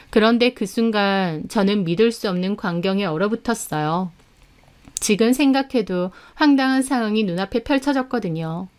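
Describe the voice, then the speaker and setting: A woman's voice: medium pitch, a little mellow, smooth. A woman with a mid-range voice narrates a first-person story. She tells it in an indignant, dramatic way, as if recounting a betrayal to listeners.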